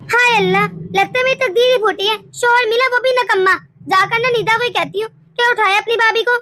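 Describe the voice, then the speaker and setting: A woman voicing a short-tempered, self-pitying middle-aged mother-in-law in an animated cartoon, complaining in shrill taunts. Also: brisk. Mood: indignant.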